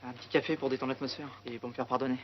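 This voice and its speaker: An actor playing a nervous, fast-talking, whiny cop in film dialogue. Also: male voice, medium pitch, flat delivery, natural voice. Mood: earnest. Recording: dull film soundtrack with noise.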